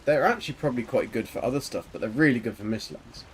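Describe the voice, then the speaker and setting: In a low-quality recording with slight background noise, a man streams a game and chats casually, muttering to himself between remarks to viewers. His soft, mid-range voice moves quickly with lively intonation.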